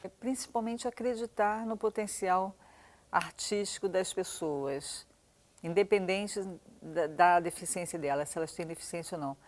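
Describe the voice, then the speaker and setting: A woman's voice: lowish voice, normal speed. A woman theater director explains her working method in a documentary interview. She speaks thoughtfully and often restarts her sentences.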